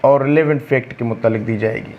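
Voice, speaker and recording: Lecturing on law in a mid-range voice, a Pakistani-accented man reads provisions aloud and explains them deliberately, repeating key phrases as he goes. The audio is dull, with slight background noise.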